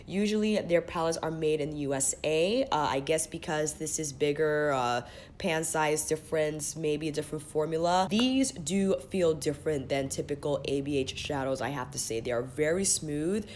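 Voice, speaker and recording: A woman's voice: low voice, normal speed, a little mellow, slight background noise. A woman with a stuffy nose from a cold, casually reviewing a makeup palette to camera in a chatty, explaining way. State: stuffy nose, under the weather. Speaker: beauty vlogger.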